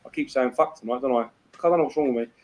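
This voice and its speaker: A man's voice: medium pitch, quick pace, darkish tone. A man hosting a casual live swap-shop stream, rambling, swearing and laughing often. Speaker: livestream host.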